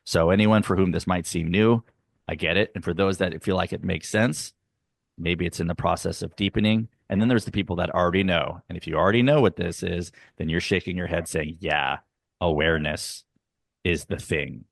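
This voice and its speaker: A middle-aged man speaking earnestly as a guest in an interview, explaining ideas slowly and with emphasis. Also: low voice, gravelly, dry recording, studio quality. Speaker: guest, youth arts nonprofit leader. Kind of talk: conversational interview. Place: home, dog barking nearby.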